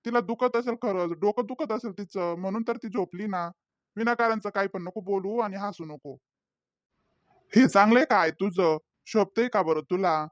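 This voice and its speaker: A man voicing a patient father in a cartoon, soothing his daughter and trying to calm his quarreling family. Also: high voice, normal speed, no room sound, highs cut off, lightly acted. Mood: placating. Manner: soothing, placating. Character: patient, placating young father. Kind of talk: cartoon voice acting.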